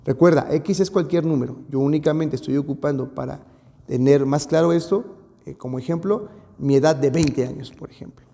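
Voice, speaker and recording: A man with a slightly raised, mellow voice walks through an algebra lesson for video. He explains patiently and repeats each key point. The recording has a long reverb tail, as if made in a large room. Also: fairly high pitch, brisk, gravelly. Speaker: math teacher.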